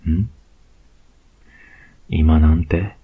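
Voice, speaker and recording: A man with a Kansai accent playing a cocky young male student who teases his teacher, in a whispered role-play with a slow, close murmur. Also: very deep voice, steady tone, husky, phone-quality sound, exaggerated voice. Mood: teasing. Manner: slow, close, teasing murmur with soft laughs.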